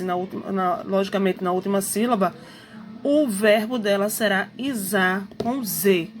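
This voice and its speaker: A woman teacher, patiently explaining a grammar lesson, repeating points and checking that students follow. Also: medium pitch.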